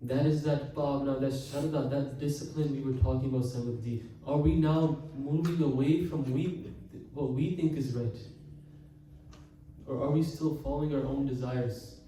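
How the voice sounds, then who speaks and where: In a large, heavily echoing hall, a Canadian Sikh preacher gives an earnest katha in a dark, mellow, mid-range voice with a steady tone. He regularly addresses the congregation and slows to stress important words. He's recorded from a distance, with a faint hiss in the background.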